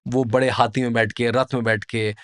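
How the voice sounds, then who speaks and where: A man's voice: mid-range voice, little pitch movement, moderate pace, a bit bright, no room sound. A man, a podcast guest, explaining traditions in a vivid, descriptive way and building scenes with lists. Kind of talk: explanatory storytelling interview.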